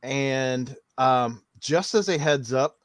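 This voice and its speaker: Man, podcast host, casual sports chat, conversational, mid pitch, dry sound. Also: slow, no echo. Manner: conversational, leads the topics.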